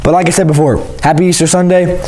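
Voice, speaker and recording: A man with a hoarse, nearly lost voice, casually addressing viewers as a video host. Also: fairly high pitch, fairly even intonation, fast talker, dark tone, a little hiss or hum, low-quality recording. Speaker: host of a hunting video channel.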